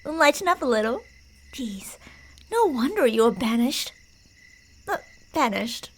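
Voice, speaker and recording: A woman voices a delusional, teasing female yandere stalker in ASMR horror roleplay, narrating her prey's path with playful menace that drifts into whispers. Her voice is high and sing-song, at a measured pace.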